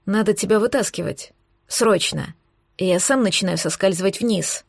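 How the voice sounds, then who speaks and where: A woman's voice: on the high side, moderate pace, dry recording, clean studio sound. A woman voicing a stern, tense young man who gives short, clipped commands. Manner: terse, clipped orders.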